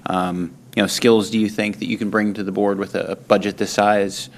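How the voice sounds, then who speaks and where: Low creaky guy at a board meeting, kinda hesitant, asking a roundabout question. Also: level tone, normal speed. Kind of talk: informal questioning.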